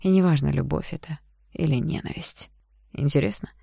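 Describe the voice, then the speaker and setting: Low, gravelly woman narrating a novel. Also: steady tone, brisk, mellow, dry recording, studio quality. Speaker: audiobook narrator. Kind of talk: scripted narration.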